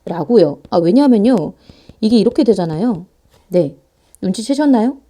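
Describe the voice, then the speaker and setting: A woman teaching a grammar lecture online in a playful, animated way, talking fast and sometimes acting out students' voices. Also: fairly high pitch. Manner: talks fast to save time.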